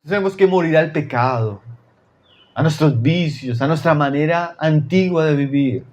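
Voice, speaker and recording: A man from Chile preaching a sermon, addressing his listeners as brothers and dropping to low, intense tones for emphasis. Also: moderate pace, a little mellow, lo-fi sound.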